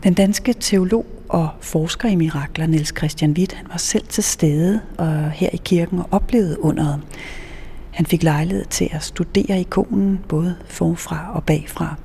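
A woman host narrating in a hushed half-whisper inside a church. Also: on the low side, vocal fry, a little hiss or hum.

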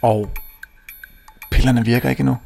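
A young man from Denmark tells a comic stage story with an animated, self-mocking delivery. His voice has a gravelly, creaky texture at a middle pitch, and he stumbles and restarts his words as he goes. Faint music sits behind him. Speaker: stand-up comedian. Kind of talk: stand-up storytelling.

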